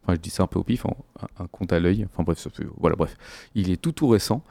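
A man's voice: deep voice, fast, gravelly, warm tone, dry recording. A man hosting a radio music show, presenting casually between tracks in a hesitant, rambling way, full of fillers. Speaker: radio host.

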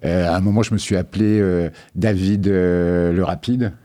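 Low, mellow-voiced hesitant man. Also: steady tone, normal speed. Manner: hesitant, many filler sounds. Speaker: guest artist. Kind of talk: casual interview.

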